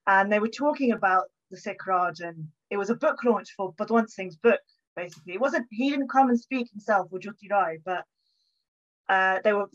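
A young woman with a southern English accent, a historian guesting on a podcast, telling stories in a chatty, informal, self-deprecating way. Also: medium pitch. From Buckinghamshire, England. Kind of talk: casual conversational storytelling. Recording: dull, band-limited audio.

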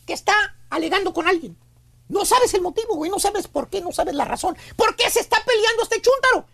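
Man doing a high-pitched, gravelly Mexican professor for radio comedy, slangy and mocking, swooping tone. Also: expressive, a little fast, fairly bright tone, no echo, full character voice. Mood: mocking lecture. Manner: slangy, tags every phrase with "güey", rambling lecture. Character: shrill, mocking male "professor" lecturing on crybabies.

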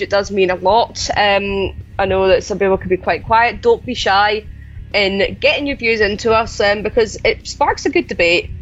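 A woman whose Scottish accent mixes Edinburgh and Glasgow hosts a podcast in a relaxed, chatty manner. Her voice is mid-range, and the sound quality is lo-fi.

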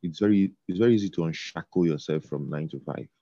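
A man talking in a relaxed conversation, halting and repeating himself with many fillers. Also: low voice, no room sound. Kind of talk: casual conversation. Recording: dull lo-fi sound.

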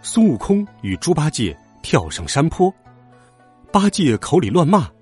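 A man narrates a children's story with a dramatic, expressive reading. His pitch swoops constantly and his voice is husky. Soft music plays under him. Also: unhurried.

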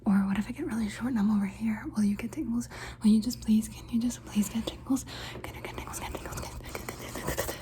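A woman performs ASMR in a fast, airy whisper with a fairly high voice. She repeats short words and phrases insistently, as if pleading with the listener. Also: steady tone, dark tone.

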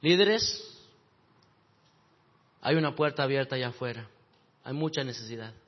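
A man preaching a fervent sermon, exhorting his congregation and swinging between loud and hushed delivery. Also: mid-range voice, expressive, normal speed. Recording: dull sound with long hall reverb.

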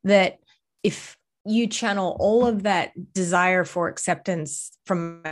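A woman's voice: medium pitch, takes it slowly. A woman from the Boston area with an American accent, a podcast guest telling stories in a chatty way, full of "you know" and easy laughs. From Boston area, United States. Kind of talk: casual storytelling chat.

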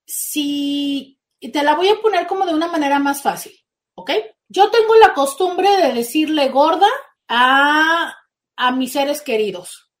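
A woman hosting a casual advice talk as a therapist, speaking emphatically and acting out little quoted exchanges. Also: sits high. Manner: emphatic, animated, slips into quoted voices. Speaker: host and therapist.

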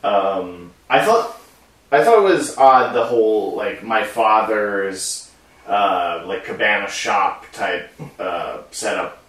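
A man's voice: fairly low pitch, animated, slow, fairly bright tone. Man chatting in an echoey room. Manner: conversational, with brief agreeing replies. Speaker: co-host discussing a musical and its film. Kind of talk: casual chat. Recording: echoey room, distant from the mic.

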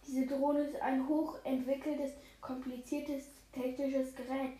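Fussy, lecturing duck professor, read by a woman; high voice, echoey room. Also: little pitch movement, takes it slowly, mellow, distant mic. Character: fussy know-it-all duck professor, male.

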